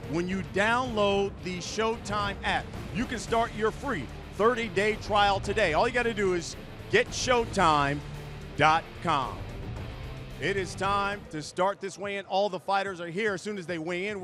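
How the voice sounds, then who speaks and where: A man's voice: sits high, fairly bright tone. An American man hosting a live boxing broadcast in a presenter's style. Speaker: sports broadcast host. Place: large arena atrium.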